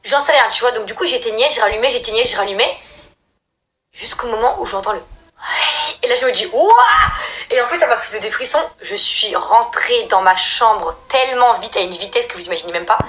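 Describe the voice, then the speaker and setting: A young woman from France, a regular storyteller, tells a scary childhood story in casual slangy chat, bursting into loud high voices. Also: fairly quick. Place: at home doing makeup.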